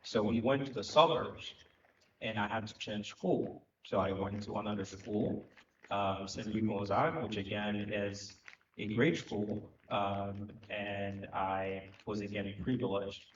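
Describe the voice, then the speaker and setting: A man, speaking earnestly and reflectively on a conference panel, pausing often with fillers. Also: fairly low pitch, fairly even intonation, a little hiss or hum. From Haiti. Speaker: panel speaker, economic development director. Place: conference hall at a live event. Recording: echoey, distant, muffled hall recording.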